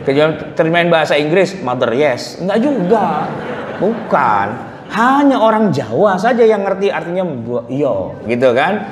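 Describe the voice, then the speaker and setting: A man's voice: on the high side, sing-song, moderate pace. A man giving a morning study lecture in a mosque, talking in a casual, joking way to the congregation and acting out the people in his examples. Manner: conversational and humorous, quotes people in acted voices. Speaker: Islamic preacher. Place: large mosque hall. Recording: echoey mosque hall with faint noise.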